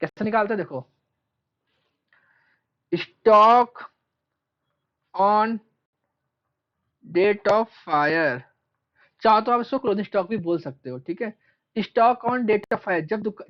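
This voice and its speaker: A commerce teacher lecturing a class, asking questions and answering them himself, repeating key terms and drawing them out slowly as he writes. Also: sits high. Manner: stretches out terms slowly while writing. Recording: dull lo-fi recording.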